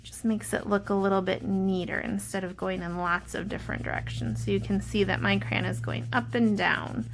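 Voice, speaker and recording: In a drawing lesson for children, a woman teacher narrates each step simply, her mid-range voice carrying vocal fry and fairly even intonation. She talks at normal speed with hardly any pauses, over slight background noise.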